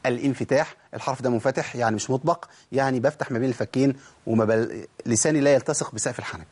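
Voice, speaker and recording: A man's voice: medium pitch, rapid-fire, darkish tone, slightly rough. A man with an Egyptian accent teaching Quran recitation rules, asking questions and answering them himself. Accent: Egyptian Arabic. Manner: explains rules, asks and answers his own questions. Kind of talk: tajweed lesson.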